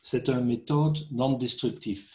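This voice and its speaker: A man's voice: mid-range voice, steady tone, measured pace. A middle-aged or older man, not a native French speaker, giving a technical presentation over a video call in hesitant French with a foreign accent. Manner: hesitant, non-native phrasing. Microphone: computer microphone on a video call.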